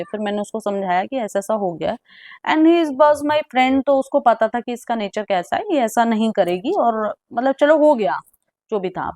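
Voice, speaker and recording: A young woman recounting a personal story in a casual, animated way, with exclamations and English words mixed into her speech. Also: medium pitch, dry recording, clean studio sound.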